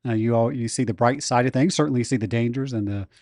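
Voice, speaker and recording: A man's voice: medium pitch, quick pace, darkish tone, no echo, studio quality. A man co-hosting a podcast in a casual chat, teasing his partner and laughing easily. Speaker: podcast co-host.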